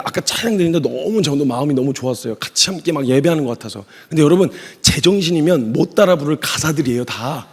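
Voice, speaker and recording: Male missionary preacher, high husky voice, lively and joking, acts out lines, big church hall with long reverb. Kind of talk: sermon at a youth retreat.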